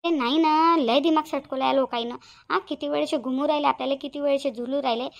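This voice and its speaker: Rapid-talking squeaky village aunty from a cartoon, always demanding answers. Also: female voice, steady tone, vocal fry. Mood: exasperated. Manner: demanding, shrill, rapid-fire questions. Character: loud quarrelsome village auntie, middle-aged woman. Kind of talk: cartoon voice acting.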